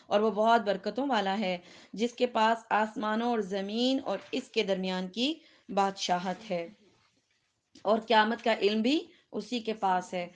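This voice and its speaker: A middle-aged woman with a Pakistani Urdu accent, lecturing a Quran class and putting questions to her students. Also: mid-range voice. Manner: questions the students and laughs with them.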